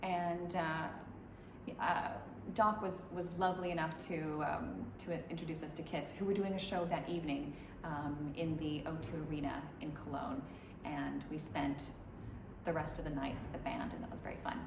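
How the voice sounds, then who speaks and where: Chatting casually in a Dubai room, a female musician wanders through long answers, often restarting herself. She has a low, gravelly voice with a steady tone and normal speed, recorded in an echoey space with noise behind her.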